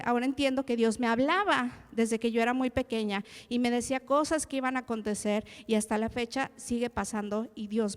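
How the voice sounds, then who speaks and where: A woman's voice: a little high, darkish tone. A woman preaching a sermon in a conversational way, often asking her listeners direct questions. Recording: long reverb of a large hall.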